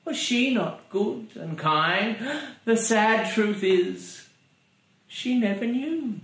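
A man in his thirties gives a dramatic, mock-solemn comic poetry reading in a living room by a fireplace. His voice sits high and fairly bright, animated yet very slow. The recording has a roomy, camera-captured sound.

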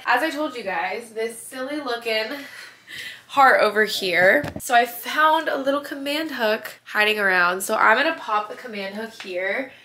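Bright and fairly high, her voice comes across forcefully in a roomy-sounding space. She's a twenty-something vlogger organizing her bedroom closet indoors, filmed up close, keeping the casual narration bubbly and peppered with "like" and "literally."

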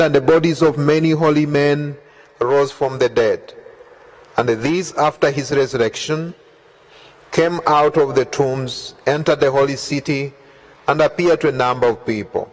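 A man reads the Way of the Cross devotion at a very unhurried pace. His voice sits at an ordinary middle pitch, and each line is reverent and measured. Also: poor audio. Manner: slow, reverent, measured reading. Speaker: prayer leader.

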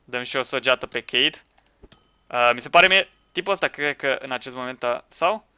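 Excitable young man, bright crisp voice. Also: mid-range voice, no echo. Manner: excitable, shouting at teammates, laughing. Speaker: gaming YouTuber. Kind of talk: Minecraft let's play commentary with friends.

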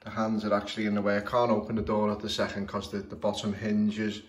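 A clock repairer from Liverpool, England, speaks casually to camera about a clock in a lowish, monotone voice at a fast clip, with a Liverpool accent. It's show-and-tell commentary, hesitant and full of fillers and restarts. He's indoors in a room full of clocks, and the echoey recording carries faint noise.

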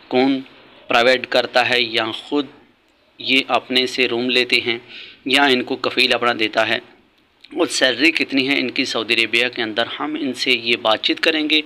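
A man's voice: mid-range voice, sharp tone. A man from Pakistan giving casual, earnest vlog commentary at an outdoor construction site, repeating his key points as he gives advice. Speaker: vlogger.

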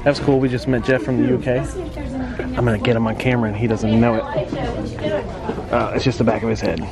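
A man's voice: mid-range voice, fairly quick. Chatty man vlogging in a crowded store. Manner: chatty, excitable, reads prices aloud. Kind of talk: casual shopping chat. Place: car, then busy store. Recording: busy crowd noise behind.

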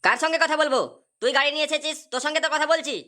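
A woman's voice: high voice, fairly even intonation, rapid-fire, bright, forceful tone. A woman voicing a short-tempered male police officer in a cartoon, barking orders at young riders. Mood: angry.

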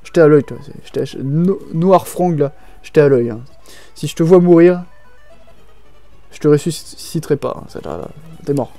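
Young male let's player: sharp, slightly high voice, joking, slangy, rambling game commentary. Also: normal speed, vocal fry, long pauses. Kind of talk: casual gaming commentary, reading dialogue aloud. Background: faint game music.

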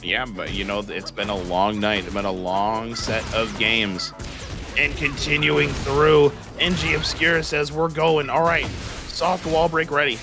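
A man's voice: medium pitch, fairly even intonation, a little slow. A man calling live fighting game play-by-play in a playful, slangy, exclamatory way. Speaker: esports tournament commentator. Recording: music behind the voice.

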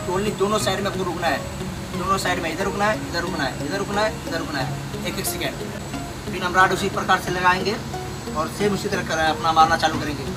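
A young man with an Indian accent and a high voice teaches welding step by step, talking fast and repeating every instruction. It's a hands-on tutorial recorded on a workshop floor over loud music.

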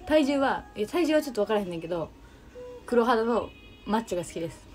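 A woman's voice: a little high, expressive, fast, a little mellow, soft background music. A young woman with a Kansai Japanese accent hosting a casual livestream, chatting and answering viewer comments. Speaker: livestream host.

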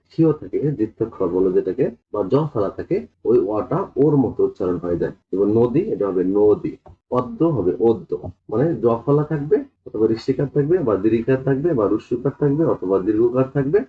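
Bangladeshi guy teaching, low voice, repeats sounds slow, thin phone-ish audio. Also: phone-quality sound. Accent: Bangladeshi Bengali. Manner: explains step by step, repeats vowel sounds slowly. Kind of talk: explaining a lesson.

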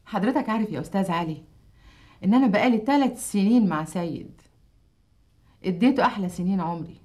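An actress playing a calm, scheming woman who bargains hard over money in a TV drama. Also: medium pitch, quick pace, close to an everyday voice. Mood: pleading. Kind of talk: TV drama acting.

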